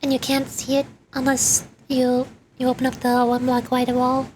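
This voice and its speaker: This woman's voice sits high and has a darkish tone, but her delivery is monotone at a normal speed. A VTuber, she rambles playfully in casual livestream chat while gaming, with game music behind her. The recording is low-quality with slight background noise.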